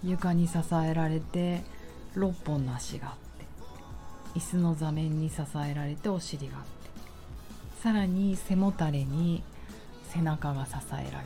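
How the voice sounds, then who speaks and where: A low-voiced woman leads a grounding meditation in a dark, relaxed tone. She takes her time, leaving soothing pauses between instructions. Faint music plays behind her. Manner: slow, pausing, soothing delivery. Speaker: relaxation exercise guide.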